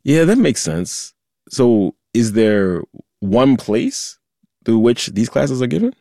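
A man's voice: mid-range voice, sing-song, takes it slowly, dark tone, no echo, studio quality. A man hosting a news podcast, reacting casually in conversation. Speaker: podcast host.

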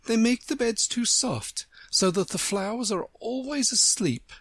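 A woman's voice: on the high side, animated, unhurried, slightly rough, no room sound, pitched above the performer's own voice. A woman voicing a haughty, hot-tempered talking flower who scolds in a storybook. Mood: huffy, explaining. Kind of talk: storybook character voice.

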